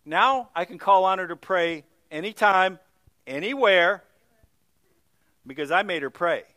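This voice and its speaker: Male pastor, middle-aged, high bright voice, dramatic storytelling sermon. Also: a little slow, no echo. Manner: storytelling, swings from loud exclamations to hushed near-whispers.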